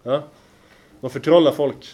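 Male preacher with a high voice, lecturing with rhetorical check-ins and chanted recitation. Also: steady tone, a little mellow. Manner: keeps checking the listeners follow, with rhetorical questions; recites Arabic verses with a chanting lilt. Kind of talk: religious lecture.

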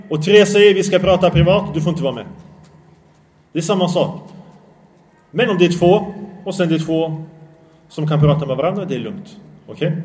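A man with a slightly high voice teaches a religious lesson, explaining each point step by step. He poses rhetorical questions, checks that his listeners are following, and slips Arabic religious terms into his talk. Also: darkish tone. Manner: asks the audience questions, checks they follow.

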